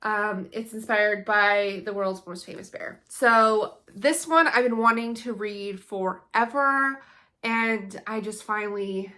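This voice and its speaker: A young woman with a bright, clear tone talks through her latest book haul in an easy, chatty way. She sounds eager and upbeat, sprinkling in ums as she goes. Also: medium pitch, slow. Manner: enthusiastic, chatty, frequent ums. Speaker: homeschool book vlogger. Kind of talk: casual book haul chat.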